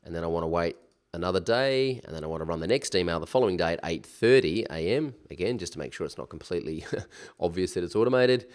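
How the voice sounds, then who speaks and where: A man with a low-pitched voice walks through a software task in a casual, chatty way. He sounds stuffed up from a cold, with a nasal, pinched-nose tone. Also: expressive, fast talker. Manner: chatty, informal, with slangy asides. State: recovering from a cold. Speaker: software tutorial instructor. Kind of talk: casual screen-share tutorial.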